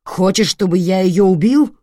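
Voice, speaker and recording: A woman's voice: medium pitch, sing-song, unhurried, warm tone, dry recording, pitched above the performer's own voice. A violent, furious father bellows his threats in this storybook reading, voiced by a woman. The voice lurches wildly up and down as he rages. It is recorded dry and close, with no room sound. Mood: furious shouting. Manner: roaring, threatening. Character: violent enraged middle-aged father.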